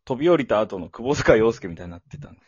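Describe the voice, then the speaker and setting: A man from Fukuoka telling animated stories and chuckling often in a casual podcast chat. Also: medium pitch, fast, breathy edge, no room sound. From Fukuoka, Japan. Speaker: podcast co-host. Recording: dull lo-fi dry audio.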